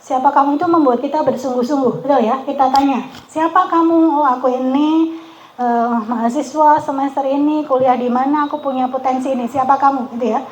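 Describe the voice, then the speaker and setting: High-voiced woman leading a workshop. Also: fairly even intonation, a little fast, a little mellow, a little hiss or hum, poor audio. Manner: chatty, keeps asking the group "betul ya?". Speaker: psychologist leading a training session. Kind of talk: interactive workshop talk. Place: outdoor training venue.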